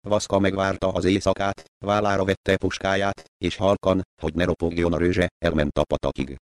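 A man narrating a story in a measured, even reading manner. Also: deep voice, clean tone, no echo. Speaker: audiobook narrator.

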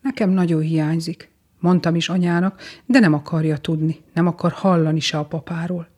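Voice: medium pitch, steady tone, darkish tone, lightly acted. An adult reader voicing a young boy who earnestly writes a wistful Christmas letter.

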